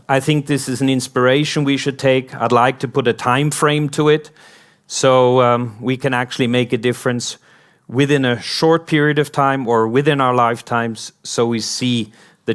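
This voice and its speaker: Born in Hong Kong and speaking with an American accent, a company founder gives a conference speech in a medium-pitched voice with fairly even intonation. He speaks slowly and rhetorically, building up a string of repeated "what if" questions.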